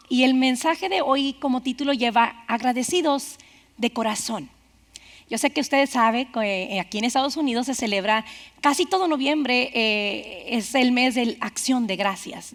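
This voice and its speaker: A woman preacher giving an animated sermon, calling out to the congregation and swinging from loud to soft. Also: sits high. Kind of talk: lively bilingual-church sermon. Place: church sanctuary. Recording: reverberant church hall.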